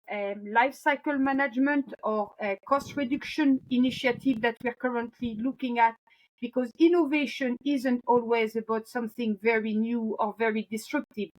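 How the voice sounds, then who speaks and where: A woman food scientist speaking from Europe as a podcast guest, answering in a measured, thoughtful way with frequent pauses. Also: fairly high pitch, fairly even intonation, low-quality recording. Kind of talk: interview answers.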